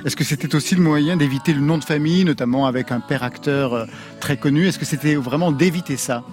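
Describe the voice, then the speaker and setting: A man's voice: on the high side, fast talker, a little mellow. A man hosting a French music radio show, asking his guest conversational questions. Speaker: radio host. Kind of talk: radio interview.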